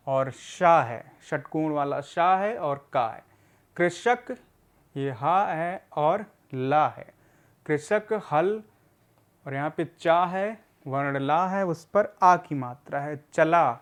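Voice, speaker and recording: A man gives a slow, patient reading lesson to adult learners. He sounds out each word syllable by syllable, then puts the syllables together. He asks questions and answers them himself, often checking in with his listeners. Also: fairly high pitch. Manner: often checks in with "theek hai". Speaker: adult literacy teacher.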